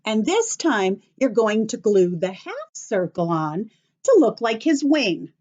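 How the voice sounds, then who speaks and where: Leading craft and story time, this woman gives instructional talk to young children, breaking things into simple steps with encouraging questions. She speaks slowly in a very animated, mid-range, slightly mellow voice, captured with lo-fi sound.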